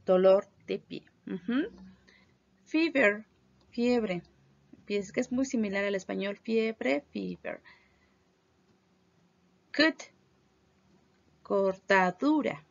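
A teacher leads an English vocabulary drill for kids. She pronounces each word slowly and deliberately, with a gravelly edge to her voice. The recording sounds dull and lo-fi. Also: medium pitch. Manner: slow, careful pronunciation of English words with Spanish glosses. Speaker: primary school English teacher. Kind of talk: online class review, bilingual vocabulary drill.

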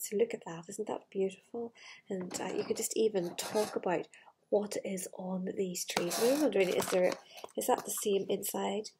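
A middle-aged woman with a breathy, medium-pitched voice reads a fairytale to children, breaking off into gushing, chatty asides full of wistful enthusiasm for the book. She's in a living room with large glass doors, recorded on a device camera at arm's length amid a noisy background.

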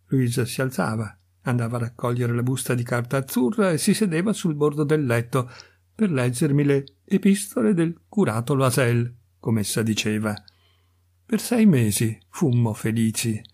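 Husky male storyteller reading aloud. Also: mid-range voice. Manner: measured, expressive storytelling. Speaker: reader of audiobook stories. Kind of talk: scripted literary narration.

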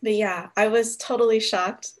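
A woman's voice: mid-range voice, fairly even intonation, normal speed. A young woman moderating a student workshop Q&A on a video call, upbeat and laughing easily. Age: young adult. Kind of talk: casual hosting on a video call.

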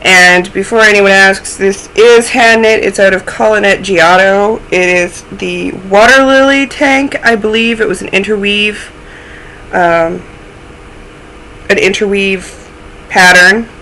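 A young woman speaks slowly to her webcam while hosting a knitting podcast from a small room in her home, her voice bright and forceful yet stuffy and snuffly. She chats casually and runs herself down in little asides. Her pitch is mid-range, and the low-quality recording carries slight background noise.

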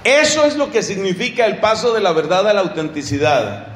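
Animated high-voiced man preaching, echoey room. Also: brisk, slight background noise. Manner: animated, rhetorical questions to the audience. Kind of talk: sermon teaching.

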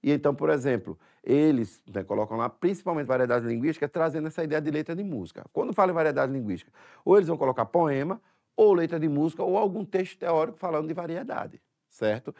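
A man's voice: on the high side, expressive, fast, warm tone. A man teaching an exam-prep language lesson in a Sergipe Brazilian Portuguese accent, explaining step by step and checking in often with tag questions.

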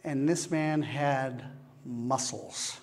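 Slow-preaching pastor, man, echoing church. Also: medium pitch. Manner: slow, measured preaching with long pauses. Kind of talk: sermon. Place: church sanctuary. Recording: long church hall reverb.

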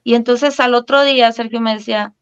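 A woman's voice: on the high side, fairly quick, clear, resonant tone, highs cut off. Mexican woman telling her story animatedly. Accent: Mexican Spanish. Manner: animated, many restarts and fillers, laughs at her own story. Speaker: interview guest. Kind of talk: candid interview storytelling.

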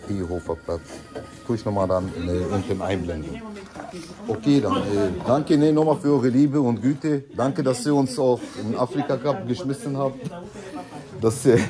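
A man in his thirties vlogs to a handheld camera held at arm's length, moving between a hair salon and a city street with music playing behind him. His medium-pitched voice moves at a normal speed as he chats and jokes with viewers.

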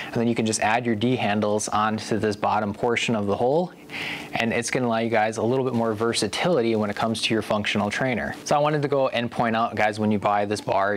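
A man in his thirties from the USA, relaxed and chatty, reviewing home gym equipment to camera and calling his viewers guys. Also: lowish voice, a little hiss or hum. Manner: relaxed and conversational, keeps addressing viewers as guys. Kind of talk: casual product review to camera.

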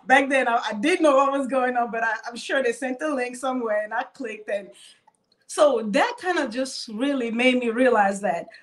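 A young woman from Cameroon with a voice on the high side speaks as a cybersecurity panelist on a video call. She tells her story hesitantly, with many fillers and restarts.

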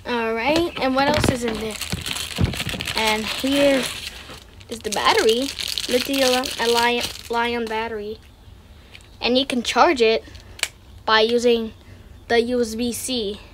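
A woman with a highish, steady voice speaks slowly and leaves long pauses while hosting an informal unboxing, repeating short comments as she handles things. It takes place indoors on a wooden floor, with audible clicks and handling noise.

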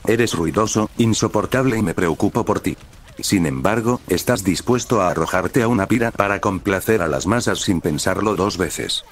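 A man voicing a distraught, anxious young woman in a story reading, delivered in a flat, even way. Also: sits low, moderate pace. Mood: furious.

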